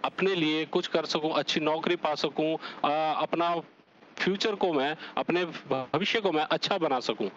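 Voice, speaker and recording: Polite guy on a dull muffled call line, kinda high voice. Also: unhurried, a bit bright, slight background noise. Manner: polite, deferential, answers with "ji" and "sir". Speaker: caller. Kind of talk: remote call with a preacher.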